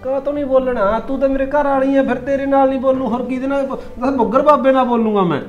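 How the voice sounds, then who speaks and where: A man's voice: sits high, lively intonation, brisk, faint music behind. A young man playing a joking husband who wheedles and pleads to win over his sulking wife. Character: coaxing young village husband. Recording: echoey, slightly muffled.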